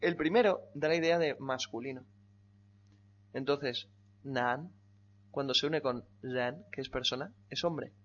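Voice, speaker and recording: A man's voice: medium pitch, muffled recording. A man teaching Chinese in a one-on-one lesson, patiently explaining and drilling tones. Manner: patient, repeats tones slowly and drills pronunciation.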